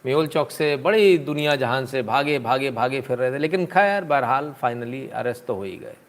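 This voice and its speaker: A man's voice: mid-range voice, lively intonation, moderate pace. A man giving live political commentary on a stream, sarcastic and chatty, answering viewers' comments as he talks.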